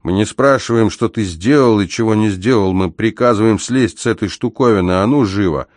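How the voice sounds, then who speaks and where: A man's voice: fairly low pitch, brisk, darkish tone, no echo, studio quality, natural voice. A man voicing a harsh male police officer who barks authoritative orders. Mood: commanding.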